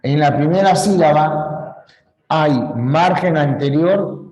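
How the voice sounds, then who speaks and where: A man's voice: a little high, slow, a little mellow, low-quality recording. A man teaching a grammar lesson, explaining patiently and repeating key points, correcting himself when he slips. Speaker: language teacher. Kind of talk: slow classroom lecture.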